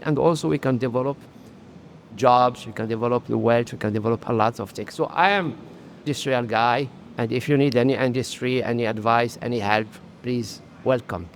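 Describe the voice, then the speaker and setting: Middle-aged Moroccan industry guest, earnest, searching for words, faint background hum. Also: male voice, medium pitch. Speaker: interview guest, solar industry executive. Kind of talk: casual interview talk. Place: solar trade conference.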